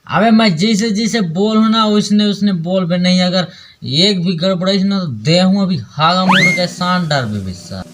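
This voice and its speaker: A man's voice: sits high, moderate pace. A man with a Chhattisgarhi accent in a comedy sketch, bossing his partner around and getting exasperated. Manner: bossy, exasperated. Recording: loud background noise.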